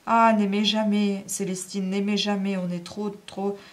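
A plaintive, imploring lady of the house, neglected and tearful, begging her maid for reassurance, as a woman reads her lines from a novel. Her lines come in a soft, pleading tone. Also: mid-range voice, level tone, measured pace, close to an everyday voice. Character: lonely, pleading, tearful upper-class wife.

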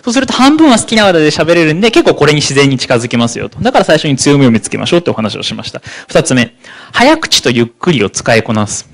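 A man in his thirties delivers a live psychology seminar talk. His delivery is rapid and lively, with a slightly raised pitch that swings widely. He deliberately slows down to land his key points. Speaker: lecturer on psychology.

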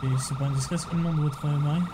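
A man's voice: on the high side, fairly even intonation, quick pace, background noise, lightly acted. A man voicing a polite, reassuring sheriff's officer in an online role-play game. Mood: questioning.

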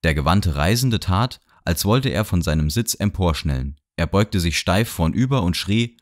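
A man reading a novel aloud as an audiobook narrator, measured and expressive. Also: deep voice, dry recording. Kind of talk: scripted literary narration. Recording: dry studio sound.

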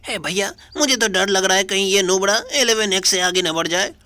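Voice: medium pitch, fairly quick, pushed and bright, no echo, lightly acted. A performer voicing a timid, cheerful cartoon cat who whines to his big brother while commentating a mobile game. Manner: starts lines with "ae yaar bhaiya", whiny.

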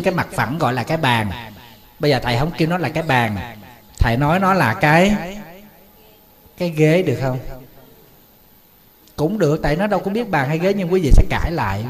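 A man, a Buddhist monk giving a sermon in a folksy way, often asking the audience questions. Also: on the high side.

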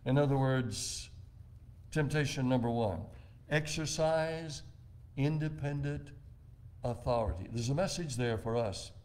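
Older pastor preaching slowly and deliberately. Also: male voice, mid-range voice, darkish tone. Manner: measured, deliberate preaching with slow emphatic phrases. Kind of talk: sermon. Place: church.

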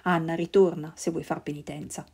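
A woman's voice: deep voice, level tone, a little fast, creaky, warm tone, slightly rough, full character voice. A woman voicing a guilt-ridden aging man in a storybook reading, tormented and pleading.

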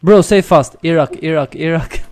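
A young man, streaming a game, loud and teasing as he jokes with strangers over voice chat, recorded on a studio mic in a small room. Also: fairly high pitch, moderate pace. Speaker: gaming streamer. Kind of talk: live gameplay banter over voice chat. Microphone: studio mic on arm, headset.

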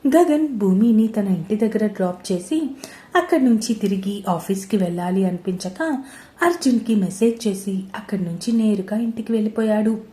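A woman narrating a romance story in a steady, plain reading style, in a roomy-sounding recording. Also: mid-range voice, normal speed. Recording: roomy echo.

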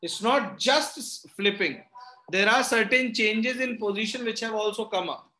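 A man's voice: high-pitched, normal speed, sharp tone. A man with a North Indian accent teaching an interactive lesson, mixing Hindi phrases into English and often checking that students follow. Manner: repeatedly checks understanding with short questions. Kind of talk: interactive online reasoning lesson. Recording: roomy echo on the voice.

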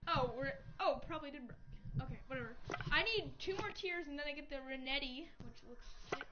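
A woman streaming a game with her friends, talking in a loose, rambling way and joking around. Her voice sits high. The sound is muffled and lo-fi, with a clear hiss running underneath. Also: a little fast. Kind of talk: casual gaming chat. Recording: dull lo-fi audio with steady noise.

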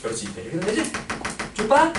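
A man lectures a class with a slightly high, wildly swinging voice, teasing and swearing casually as he checks whether the students are following. He is picked up from across a reverberant room. A steady noise hangs under the whole recording. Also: fast, distant mic. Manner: joking, coarse slang, keeps asking for agreement. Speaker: math teacher.

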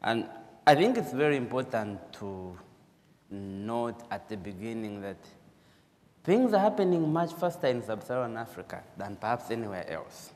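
On a large auditorium stage, an energy specialist with a Ugandan accent gives a formal conference presentation, repeating words for emphasis. His medium-pitched voice is sing-song and darkish at a normal speed. The hall is echoey, with noticeable background noise.

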